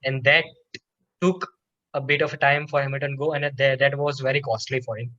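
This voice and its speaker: A man's voice: medium pitch, fairly even intonation, moderate pace, sharp tone, muffled recording. A man co-hosting a casual race review podcast, chatty, laughing often and restarting his sentences. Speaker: podcast co-host.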